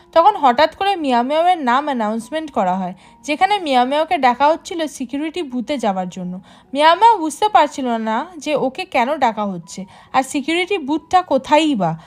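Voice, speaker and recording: High-voiced woman narrating a drama recap. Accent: Bengali. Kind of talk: scripted storytelling narration.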